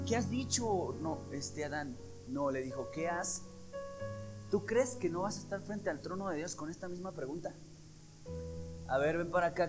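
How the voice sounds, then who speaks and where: A man preaching a sermon, emphatic and shifting between loud stresses and hushed asides. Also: sits high. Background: soft guitar music.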